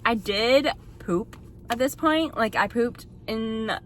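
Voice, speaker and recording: A woman's voice: a little high, slow, slight background noise. A young woman casually recounting her own story, chatty and full of "like", often breaking into laughter. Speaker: vlogger sharing her birth story.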